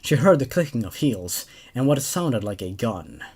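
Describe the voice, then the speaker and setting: A man in his twenties reads horror stories aloud with commentary, acting as host narrator and reviewer. His husky voice is medium-pitched and darkish in tone, swinging widely in pitch at a moderate pace. He's recorded indoors in a small dark room on a boom-arm desk microphone.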